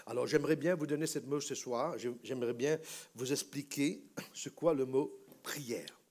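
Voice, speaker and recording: A man's voice: medium pitch, normal speed, darkish tone. A man preaching a sermon in a church, teaching word by word and having the congregation repeat after him in call-and-response. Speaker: pastor.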